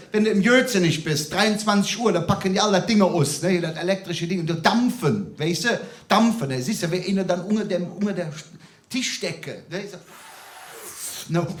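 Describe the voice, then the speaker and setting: A man with a thick Kölsch accent rambles through his stand-up set, full of little tag questions. His voice sits high for a man. The sound carries the roomy echo of a small theater. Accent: Kölsch (Cologne dialect). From Cologne area, Germany. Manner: rambling, chatty, many fillers like "ne" and "weißt du". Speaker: stand-up comedian. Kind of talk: stand-up comedy.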